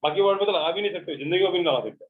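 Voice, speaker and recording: A man's voice: sits high, rapid-fire, slight background noise. A man teaching an English grammar class with an Indian English accent, explaining by repeating points and checking that students understand. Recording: tinny phone-like recording.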